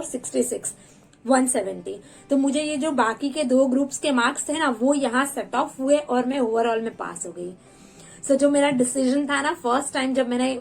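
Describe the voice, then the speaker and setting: A woman's voice: high-pitched, vocal fry, rough recording. A woman in her twenties telling a personal story in a candid, chatty way, with English words mixed into her talk. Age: 20s. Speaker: vlogger.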